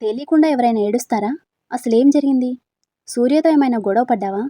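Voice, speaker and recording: Chatty young hostel girlfriends from a spoken storybook, teasing and prying with eager questions, all voiced by one woman narrator. The voice is a bit high and soft-toned, close and dry. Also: brisk, no echo, natural voice. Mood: curious, teasing.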